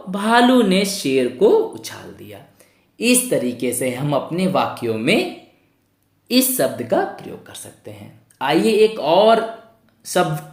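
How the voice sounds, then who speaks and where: Woman, Hindi teacher, lesson for small children, slow, animated pitch, spells words by syllable, roomy echo. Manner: spells words out syllable by syllable and asks questions to the class; repeats words for pupils to say along.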